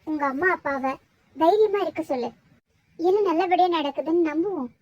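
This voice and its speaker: A woman voicing a shy, polite young village woman in a cartoon, speaking hesitantly and softly. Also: very high voice, normal speed, no echo, dull audio. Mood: firm. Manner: hesitant, soft-spoken. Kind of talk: cartoon voice acting.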